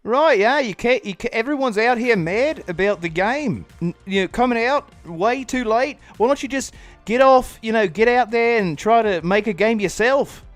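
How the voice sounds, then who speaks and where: A man's voice: very high-pitched, animated, moderate pace, no echo, faint music behind, voice pushed up. A man voicing a young male gamer ranting from his car, in a put-on British accent that drifts toward Australian. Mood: exasperated rant. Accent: mock British, slipping toward Australian. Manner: loud, exasperated ranting.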